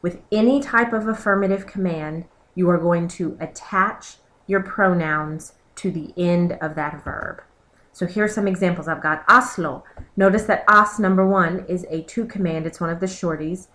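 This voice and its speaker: Lady teacher talking thru her slides, steady and methodical, a bit low-pitched. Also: moderate pace, slight background noise. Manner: clear, methodical explaining with pointers to the slides. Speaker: Spanish teacher. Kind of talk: recorded slideshow lesson.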